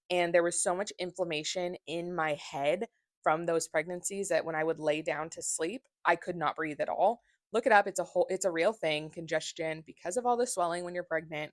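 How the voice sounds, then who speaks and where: Woman vlogger, young adult. Lowish voice, frank and unfiltered delivery, casual, dry close sound. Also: no echo. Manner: candid and blunt, with swearing. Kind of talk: casual personal vlog.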